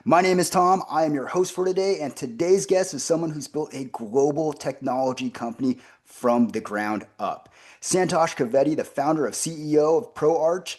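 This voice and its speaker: A man's voice: on the high side, normal speed, hardly any pauses. A man hosting a business interview podcast, upbeat and enthusiastic, with frequent fillers. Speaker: podcast host. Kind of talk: conversational interview.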